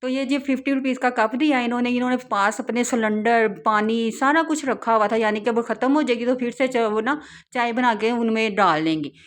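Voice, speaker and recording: A young woman narrating her family outing in a relaxed vlog, chatting and laughing often as she tells it. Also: a little high, brisk. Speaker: vlogger, mother.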